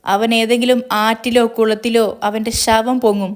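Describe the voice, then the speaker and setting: In a taunting, mocking, threatening manner, a woman voices a gloating male kidnapper calling on the phone. Her high-leaning voice has little pitch movement and a moderate pace, sounding close to how she normally talks.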